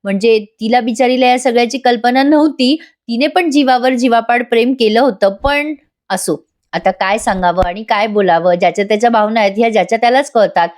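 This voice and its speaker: A woman narrates a voice-over review of a TV serial episode, chatting directly to her viewers. Her voice sits a little high, lively and conversational. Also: fairly quick.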